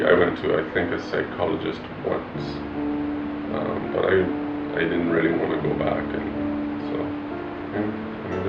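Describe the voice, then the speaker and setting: Deep-voiced man from Barbados. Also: gravelly. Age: 40s. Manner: hesitant, reflective, many fillers. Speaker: pastor. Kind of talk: personal testimony interview. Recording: roomy, distant, muffled with loud guitar music. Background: loud guitar music.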